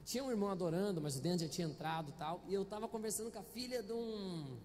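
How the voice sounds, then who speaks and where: Brazilian pastor guy, really high voice, joking around w the church, handheld mic, big reverby hall. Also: quick pace, darkish tone, slight background noise. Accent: Brazilian Portuguese. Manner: chatty, playful preaching with frequent audience questions. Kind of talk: Sunday sermon. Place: church auditorium. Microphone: handheld microphone.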